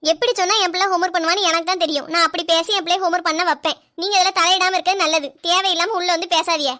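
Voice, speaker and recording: A woman's voice: extremely high pitch, fairly even intonation, rapid-fire, pushed and bright. A woman voicing a stern young mother in a cartoon, nagging sharply. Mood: defiant. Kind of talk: cartoon voice acting.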